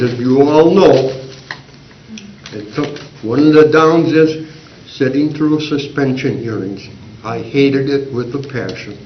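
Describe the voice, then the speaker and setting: A man's voice: medium pitch, a little hiss or hum. Older man telling folksy stories. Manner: folksy, anecdotal storytelling. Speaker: former school board member. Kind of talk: meeting remarks. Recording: roomy, dull community TV audio.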